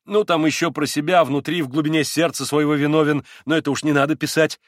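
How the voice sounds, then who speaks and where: A jittery young man under interrogation, gushing and exclaiming, as a male reader puts him on. His voice climbs high and loud, heard dry and close with no room around it. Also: fairly even intonation, dry recording, lightly acted. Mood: excited. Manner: fast, nervous, effusive, exclaiming. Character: agitated young male suspect under questioning.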